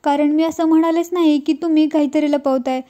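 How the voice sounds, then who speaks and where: Insistent wife pressing for the truth, read by a woman in a high, mellow voice. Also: fairly even intonation, fairly quick, close to an everyday voice. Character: insistent wife, hurt and questioning.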